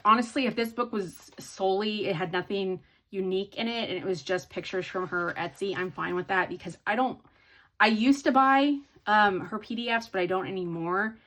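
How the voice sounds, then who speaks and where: A woman talks through her latest hobby purchases in a relaxed, rambling way, full of ums and restarts. Her voice sits a little low for a woman. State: sleepy, yawning. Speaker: hobby vlogger. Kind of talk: casual haul video chat.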